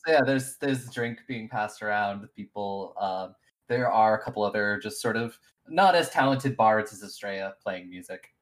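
A woman acting as game master of a tabletop game, narrating in a relaxed way, often laughing and restarting her sentences. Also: rumbling low, normal speed.

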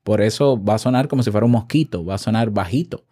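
Husky, dark, and lowish, a podcast host's voice moves at a quick pace as he talks casual tips from a room at home. He holds a shotgun mic close and chats, asking the listener questions along the way.

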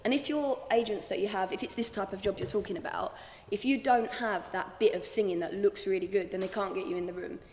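A woman with an Essex accent speaks quickly and emphatically in a reverberant hall. She is blunt but encouraging, handing out casual advice at a live Q&A. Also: medium pitch, a little mellow, slight background noise. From Essex, England. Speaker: panel guest, experienced dancer giving career advice. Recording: echoey hall.

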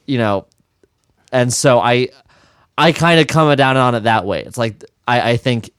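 A man's voice: mid-range voice, measured pace, clear, resonant tone, no room sound, studio quality. A man co-hosting a podcast, telling a story in casual chat with many restarts. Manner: animated storytelling, frequent restarts. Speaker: podcast co-host.

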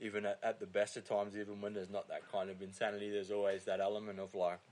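A man's voice: on the low side, little pitch movement, quick pace, darkish tone. Bro-like Australian man chatting casually. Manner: laddish, bro-like, sweary, full of "man" and "dude". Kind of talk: casual chat.

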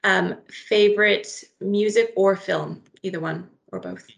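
A woman co-hosting a podcast, asking interview questions with enthusiastic, quick affirmations. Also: mid-range voice, gravelly. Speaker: podcast co-host. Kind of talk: casual interview chat.

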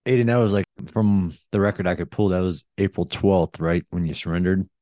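Deep, mellow male interviewer. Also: a little fast, no room sound, studio quality. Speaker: host. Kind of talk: interview questions.

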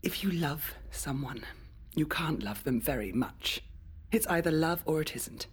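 An actress playing a bitter, unhinged young mother who speaks in hushed, menacing whispers. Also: low-pitched, lively intonation, measured pace, full character voice. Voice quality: breathy.

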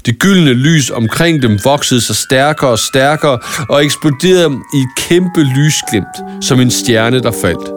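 A man reading a scripted Christmas story aloud in a calm, even storytelling manner with small stumbles now and then. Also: medium pitch, hardly any pauses, soft background music. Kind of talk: scripted audiobook narration of a Christmas tale.

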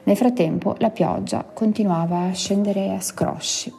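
A woman reads a classic tale aloud in a measured, expressive storytelling voice. Her pitch is mid-range. Soft music plays faintly underneath. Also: gravelly. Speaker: reader. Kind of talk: literary audiobook reading.

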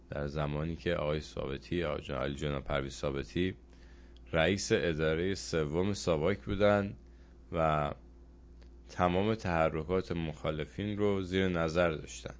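A man hosting his own program, delivering a political commentary monologue and addressing viewers directly with pointed rhetorical questions. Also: low-pitched.

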